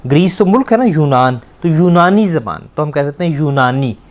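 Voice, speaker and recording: A man's voice: on the high side, animated. Male Persian teacher, drilling children patiently with questions. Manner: patient, repeats words slowly to drill pronunciation; asks the pupils questions and praises answers.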